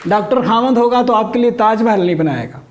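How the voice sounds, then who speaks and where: A man's voice: sits high, expressive, brisk, a faint crowd. A man, performing a stand-up comedy monologue, delivering his jokes dryly to a laughing audience. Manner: dry joke delivery with an audience laughing along. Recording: noisy recording.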